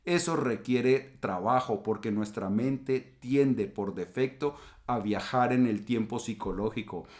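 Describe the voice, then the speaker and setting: Calm man explaining philosophy. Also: mid-range voice, a little slow. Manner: calm explanatory, acts out quoted insults. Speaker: channel host. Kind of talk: reflective philosophy talk.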